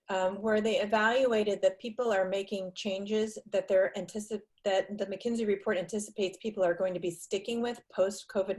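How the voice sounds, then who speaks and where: A woman's voice: medium pitch, darkish tone. A woman with a New York accent presenting a business webinar over a video call, businesslike, with ums and restarts.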